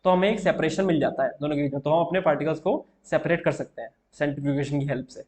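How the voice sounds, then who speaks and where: A young man with a slightly high voice teaches an exam-prep chemistry lesson. He talks casually and often checks in with his viewers as he explains at the board. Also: very fast, a little mellow. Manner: casual, repeats "theek hai" often, writing on board.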